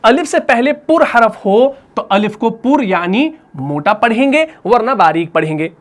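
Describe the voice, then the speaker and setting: A man with a Pakistani Urdu accent gives a tajweed lesson. He explains each rule patiently and says it again more than once. He stretches vowels out slowly to show how a recitation should sound. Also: high voice, expressive. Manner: explains patiently, repeats rules, models drawn-out recitation. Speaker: Quran recitation teacher.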